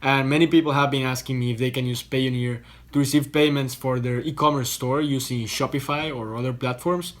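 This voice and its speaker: A man's voice: mid-range voice, fairly even intonation, fairly quick, few pauses. A young man from Costa Rica, talking casually to camera from a hotel room, explaining things in a chatty way and often restarting his words. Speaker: online business vlogger.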